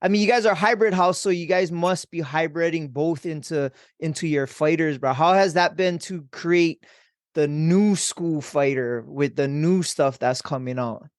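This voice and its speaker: Clear-voiced local Hawaiian guy hosting. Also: fairly high pitch, normal speed, dry recording, studio quality. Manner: laid-back local slang, frequent "bruh". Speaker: podcast host. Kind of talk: casual interview chat.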